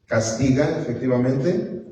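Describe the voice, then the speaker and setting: A man's voice: mid-range voice, unhurried, dark tone. A man teaching an evangelism class in church, asking the class to read out verses. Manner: asks the class to read verses, preachy and encouraging. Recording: echoey hall from far off, faint room noise.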